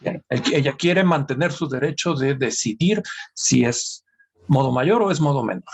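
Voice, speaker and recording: A man's voice: medium pitch, expressive, moderate pace, breathy edge. A man teaching an online seminar, explaining music theory carefully and checking in with his class often. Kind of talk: academic lecture on music theory. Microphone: video call. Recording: dull lo-fi video call audio.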